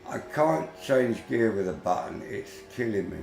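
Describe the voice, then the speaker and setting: A man's voice: on the low side, animated, normal speed, creaky, darkish tone, roomy sound, faint music behind. A man giving casual running commentary while gaming, chatty and grumbling, with mild swearing. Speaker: vlogger.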